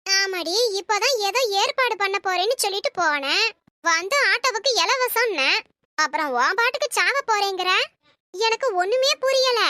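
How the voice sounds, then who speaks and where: A woman voicing a bossy, quick-tempered old auntie in an animated comedy, scolding and bickering with sarcastic jabs. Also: very high voice, dry recording, exaggerated voice.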